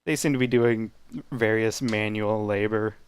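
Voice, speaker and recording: Smooth-voiced man running a tabletop game. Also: fairly low pitch, steady tone, a little slow. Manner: casual, hesitant narration with many fillers. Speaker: game master.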